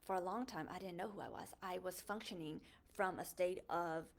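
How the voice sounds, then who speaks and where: Her voice is a little low, and her tone is earnest and thoughtful as she reflects on her own life for her faith podcast. Born in a Thai refugee camp, Hmong, and raised in the United States, she often pauses, restarts, fills gaps, and corrects herself.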